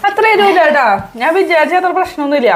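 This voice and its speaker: A woman's voice: extremely high pitch, animated, rapid-fire, slight background noise. A young woman hosting a casual home vlog, talking in a playful, teasing, upbeat way. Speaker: vlogger host.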